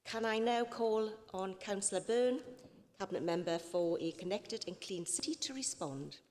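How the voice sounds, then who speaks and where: A woman chairs a city council meeting, reading out agenda items in a mid-pitched, everyday voice. Her speech echoes with a long reverb from the council chamber. She apologises now and then for small slips. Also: moderate pace, a little mellow, slight background noise.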